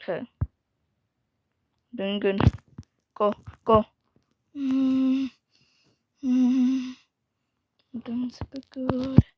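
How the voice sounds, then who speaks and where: A woman giving casual game commentary, calling herself dumb and swinging from whispers to sudden yells. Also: fairly high pitch, fairly even intonation, takes it slowly, pauses often, a little hiss or hum. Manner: self-mocking, jumpy, drops into whispers and sudden yells. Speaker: gamer.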